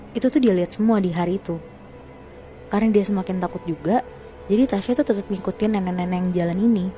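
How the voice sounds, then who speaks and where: A woman's voice: fairly low pitch, dark tone. A woman telling a horror story to a friend in a chatty, slangy way, often calling out to her listener.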